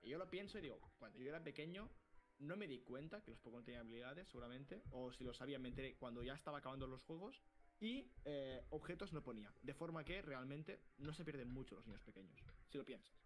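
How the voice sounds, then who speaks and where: A man from co-hosting a casual podcast, telling stories fast and laughing often. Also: mid-range voice, faint music behind. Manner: fast, animated, laughing storyteller. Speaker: podcast co-host. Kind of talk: casual chat.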